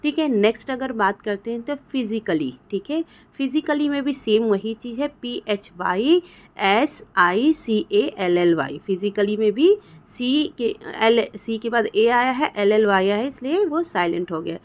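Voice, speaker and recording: A woman's voice: fairly high pitch, expressive, unhurried. A woman from India, patiently explaining English spelling rules as a teacher and often checking that her students follow. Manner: patient, repeats "theek hai" to check understanding.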